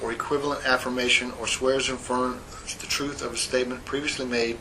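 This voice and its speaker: A man working as an internal affairs sergeant, questioning a witness on a recorded interview tape in a measured, procedural manner. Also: medium pitch, level tone. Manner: measured, procedural, reads out formal statements. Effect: old recorded interrogation tape. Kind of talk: formal sworn-statement questioning. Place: interview room. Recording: faint hiss on an interview tape.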